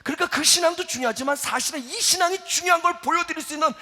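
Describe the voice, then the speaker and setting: A middle-aged man preaching a sermon as a pastor, telling a story with lively acted-out quotes. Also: very high voice, rapid-fire. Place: church sanctuary. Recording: church hall reverb.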